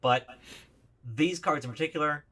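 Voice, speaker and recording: Bright-voiced opinionated male card reviewer. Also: fairly high pitch, normal speed. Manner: plain-spoken, hesitant, opinionated. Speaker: card reviewer in a played video. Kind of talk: casual ranking commentary.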